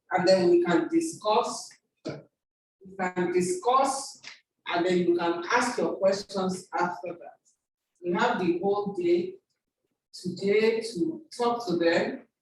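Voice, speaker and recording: Woman hosting a conference call, halting, voice echoey and far from the mic. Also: mid-range voice, a little hiss or hum. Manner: hesitant, lots of fillers. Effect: conference call audio. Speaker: moderator. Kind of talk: introducing a speaker.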